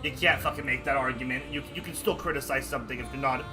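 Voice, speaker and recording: A man's voice: medium pitch, steady tone, fast talker, over music. A man streaming and talking casually, ranting heatedly with lots of swearing and filler words. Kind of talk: casual chat during a game stream.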